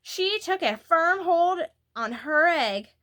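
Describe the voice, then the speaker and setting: In a very high voice and at a slow pace, a woman tells a children's book story aloud. She performs it with animated expression, leaning into important words.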